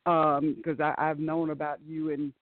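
A woman's voice: low-pitched, flat delivery, a little slow, no echo. A middle-aged woman from Florida, gracious and upbeat, speaking as a guest in a phone-in podcast interview. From Tallahassee, Florida. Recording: dry, tinny phone line.

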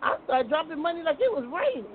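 With an extremely high, sing-song voice and a fast pace, an American woman hosts a chatty live talk show, taking calls while a crowd is heard in the background. Her questioning is informal and folksy, and the audio is thin and phone-like.

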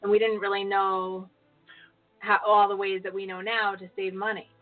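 A woman's voice: mid-range voice, level tone, moderate pace. A woman co-hosting a casual podcast, teasing her co-host and laughing easily. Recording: phone-like lo-fi audio with faint music.

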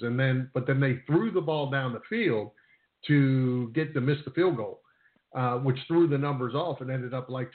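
Co-hosting a sports radio show, a man with a mid-range voice talks casually and haltingly, frequently repeating words as he works through his point. The sound is roomy and thin, almost like a phone.

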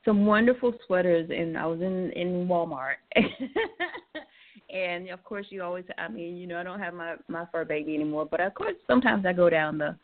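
Hoarse woman with a froggy, creaky voice. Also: on the low side, normal speed. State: hoarse, losing voice. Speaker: co-host. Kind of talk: casual chat. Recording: tinny phone-line internet radio.

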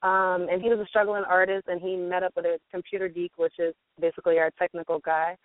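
A woman's voice: on the low side, flat delivery, fast talker, no room sound. Woman talking over a tinny phone line. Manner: chatty, with many ums and fillers. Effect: heard over a phone line. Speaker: guest from a music platform's marketing team. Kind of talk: phone-in radio interview.

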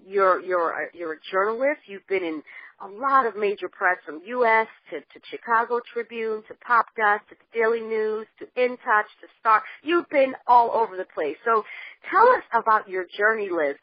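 A bubbly woman host gushes over her guest in a husky voice. She speaks on a dull, lo-fi phone line that sounds close and dry. She fills her talk with ums and restarts. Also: medium pitch, dry recording. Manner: bubbly, gushing, many fillers. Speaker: interview host. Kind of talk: phone interview hosting.

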